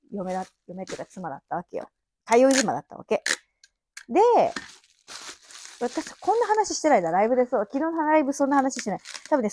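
A medium-pitched woman in her thirties, with a darkish tone, speaks into a phone app mic in an empty house for her casual solo podcast. As host, she drifts through memories in a chatty, rambling way, letting out little laughs.

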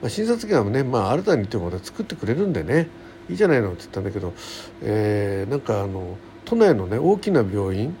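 A middle-aged man hosts a solo radio show, chatting casually and folksily as he rambles through everyday anecdotes. His voice sits on the low side with a dark tone, moving fast with big swings in pitch. There's faint background noise.

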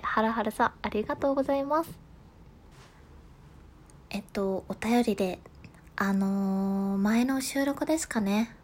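A woman with a Kansai accent hosting a solo talk show, reading listener letters in a calm manner and laughing at herself. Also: a little high.

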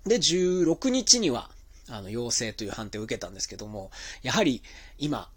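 A man's voice: medium pitch, sing-song, moderate pace, slightly rough. A man hosting his own talk show as a pro wrestler, rambling casually on his own with a slightly stuffy, nasal voice from being ill. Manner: chatty, rambling, with many fillers. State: stuffy nose, a bit nasal while recovering from illness. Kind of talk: casual solo monologue.

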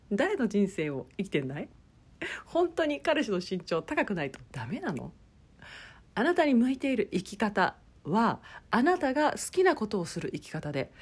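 A woman's voice: mid-range voice, a little mellow, slightly rough. A woman hosting her own podcast, talking casually on her own and asking her listeners rhetorical questions. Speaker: podcast host. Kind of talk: casual solo talk.

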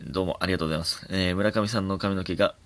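A man with a Kansai accent hosting a casual solo comedy podcast, reading listener mail, chuckling often and getting animated when he rants. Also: deep voice, racing.

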